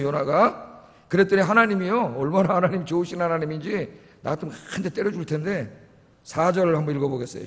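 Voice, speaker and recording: A middle-aged male pastor preaches with a sore throat, pressing the congregation with rhetorical questions. His voice sits high and swings widely in pitch. It rings with a long reverb through the sanctuary. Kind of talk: sermon. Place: church sanctuary. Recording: long church-hall reverb.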